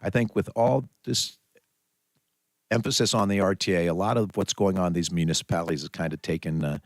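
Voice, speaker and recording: A low-pitched American man talks as a radio host in a conversational morning-show style. The sound is dry and close, as from a studio microphone. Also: brisk, dry recording. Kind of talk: morning radio talk, conversational local politics discussion.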